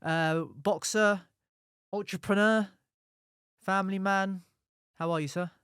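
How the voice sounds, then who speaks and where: A man's voice: sits high, steady tone, slow, a bit bright, smooth, no echo, clean studio sound. A man hosting a podcast, interviewing a guest in a casual, chatty style. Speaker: podcast host.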